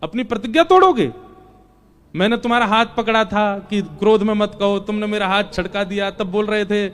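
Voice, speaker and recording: A man's voice: high-pitched, normal speed, smooth, faint music behind, close to an everyday voice. A man voicing the god Krishna as a playful, coaxing guide who questions and urges his friend in a religious storytelling talk. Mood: urging. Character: Lord Krishna, divine male guide, playful and teasing.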